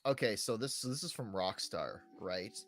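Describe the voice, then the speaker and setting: An unhurried, animated man with a voice on the low side co-hosts a podcast about video games. His casual, rambling talk leans on fillers and checking words such as "like", "right" and "you know", with background music.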